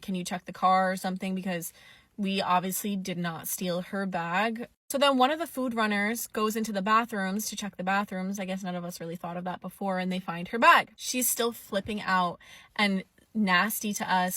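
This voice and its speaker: A woman's voice: medium pitch, no room sound. Woman telling a work story, dry sound. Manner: incredulous, animated retelling, laughs. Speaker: restaurant worker. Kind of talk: casual storytime.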